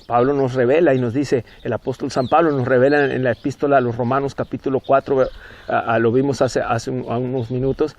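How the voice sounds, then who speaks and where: A man teaching from the Bible, emphatic and repetitive, his voice jumping up on key words. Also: a little high. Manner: emphatic, rising on key words, repeating phrases. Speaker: preacher.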